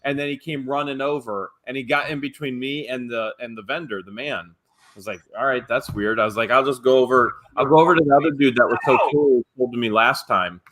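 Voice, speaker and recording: Man telling a lively flea-market story. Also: mid-range voice, fairly quick. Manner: animated storyteller, acts out quotes. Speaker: flipping channel host. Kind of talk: casual live-stream chat.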